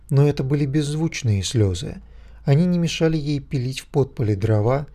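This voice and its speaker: Guy calmly reading a story aloud, mellow dark tone, medium pitch. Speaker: narrator. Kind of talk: scripted audiobook narration.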